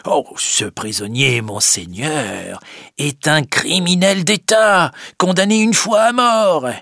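A man's voice: on the high side, slow pace, creaky, bright, forceful tone, dry recording, clean studio sound, voice pushed up, heavily acted. A man voicing a sly, nervous tulip grower in a storybook reading, fawning and hesitant, with stammers.

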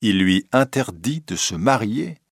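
A man reading a storybook, voicing an anxious young nobleman who speaks in a hushed, gloomy way. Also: fairly low pitch, expressive, measured pace, vocal fry, no room sound, clean studio sound, heavily acted. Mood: bewildered.

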